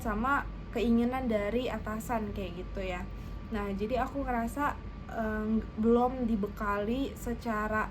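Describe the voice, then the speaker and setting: A woman in her twenties with a slightly hoarse voice, chatting casually and a bit hesitantly to camera as a vlogger. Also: mid-range voice, background noise. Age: 20s. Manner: hesitant, self-conscious, informal. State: slightly hoarse from fasting thirst. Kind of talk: casual personal vlog chat to camera.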